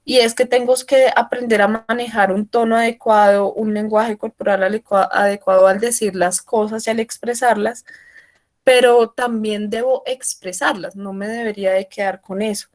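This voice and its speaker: A woman giving an online workshop, explaining loudly and often checking in with her listeners. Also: medium pitch, steady tone, normal speed. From Colombia. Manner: explanatory, asks frequent check-in questions; speaking loudly for remote listeners. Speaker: workshop trainer. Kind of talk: online training talk.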